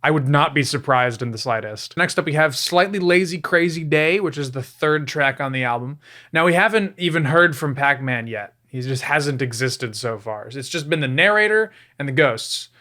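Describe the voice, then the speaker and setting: A man's voice: fairly high pitch, animated, moderate pace, pushed and bright. Sarcastic man reviewing old records. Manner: sarcastic, exasperated asides. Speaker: reviewer, video host. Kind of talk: comedic review commentary.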